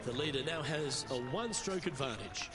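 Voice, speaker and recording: A man's voice: on the high side, expressive, a little fast, over music, close to an everyday voice. A man voicing an upbeat TV golf commentator in a video game, calling polished play-by-play. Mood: composed, engaged. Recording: crowd and outdoor noise behind. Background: golf crowd and outdoor ambience.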